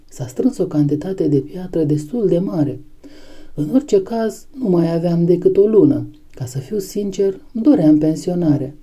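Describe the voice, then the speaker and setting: A tired old farm horse, as a woman reader puts him on, faint and breathy, his strength all but gone. The voice sits low and dark, soft and muted as in a storybook reading. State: weak and fading. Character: aging loyal male workhorse, weak, gentle. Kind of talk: audiobook character reading.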